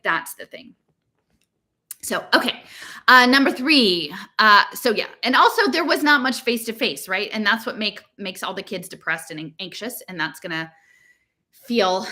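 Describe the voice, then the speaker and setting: Her mid-range voice is bright and forceful: an American podcast host reading her blog with commentary in an informal, impassioned monologue to online listeners. She rambles through rhetorical questions, sounding emphatic and exasperated.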